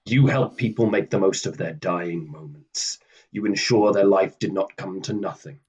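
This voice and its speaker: A man acting in a radio play as Death, a stern, weary immortal who speaks formally and coldly with a husky voice. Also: sits low, a little mellow. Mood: stern, accusing. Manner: deliberate, formal, cold, dismissive.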